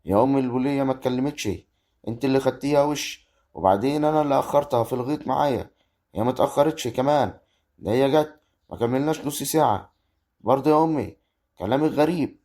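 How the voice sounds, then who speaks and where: A man's voice: mid-range voice, fast talker, warm tone, natural voice. A man with an Egyptian accent acting a young village husband caught between his wife and his mother in an amateur family drama. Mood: arguing. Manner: exasperated, arguing.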